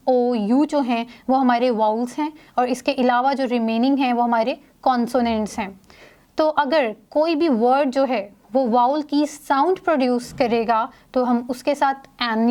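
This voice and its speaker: Female teacher, high voice, patient classroom explainer, slow example sentences. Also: a little mellow. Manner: explains in Urdu with English terms, slow read-out examples. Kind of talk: grammar lesson.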